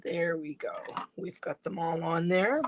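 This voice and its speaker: An independent stamping demonstrator, her voice fading, chats to viewers through a step-by-step craft tutorial as she works with her hands at her table. She speaks unhurriedly in a lowish voice, and there's a little hiss or hum.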